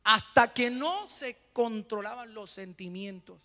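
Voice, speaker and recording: Male pastor with a high, bright, forceful voice, preaching in call-and-response style and moving between hushes and loud bursts, in a long-echoing hall. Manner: preaching with rhetorical questions and call-and-response pauses. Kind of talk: sermon.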